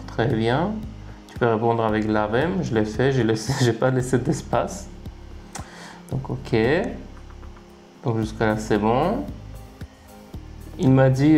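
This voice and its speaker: A language-learning video creator narrates a casual screen recording, walking through his screen in a chatty, amused way and thinking aloud. His voice is mid-range and a little mellow, with some vocal fry.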